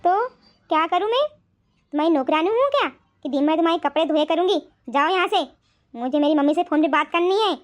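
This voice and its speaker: A woman voicing a sharp-tongued young daughter-in-law in a cartoon, scolding and snappy. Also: extremely high pitch, lively intonation, a little fast. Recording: slightly dull, music behind.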